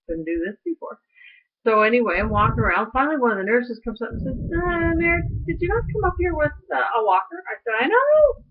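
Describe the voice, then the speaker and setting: A middle-aged woman in a chatty vlog, telling a story and acting out the other people's lines. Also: medium pitch. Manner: chatty storytelling, acts out quoted voices. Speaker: vlogger. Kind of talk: casual recovery update. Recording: tinny lo-fi audio.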